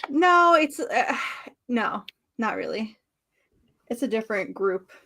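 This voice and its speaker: A woman's voice: a little high, big pitch swings, slow pace, vocal fry, sharp tone. Laughing woman in casual podcast banter. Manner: laughs often, mocking voices when telling stories. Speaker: podcast co-host. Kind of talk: casual group chat.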